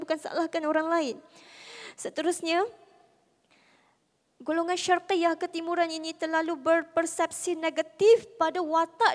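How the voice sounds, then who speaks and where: Soft-voiced Malaysian woman preaching in a hall. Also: extremely high pitch. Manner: lively, conversational, with rhetorical questions. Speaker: religious speaker. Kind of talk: convention talk to an audience. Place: large convention hall. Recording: hall reverb from the venue.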